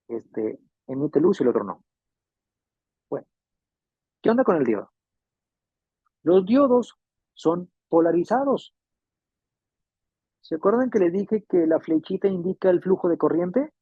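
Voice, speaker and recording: Male instructor, fairly high husky voice, patient and repetitive, tinny phone-like recording. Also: lively intonation, moderate pace, pauses often, dry recording. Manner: patient, repeats points and checks understanding. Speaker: refrigeration electronics instructor. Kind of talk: classroom lecture. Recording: tinny phone-like dry sound.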